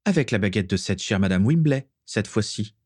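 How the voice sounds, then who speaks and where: A man's voice: fairly low pitch, animated, moderate pace, a little mellow, no room sound, clean studio sound. A man reading a storybook aloud, voicing a proud, tense young nobleman wizard.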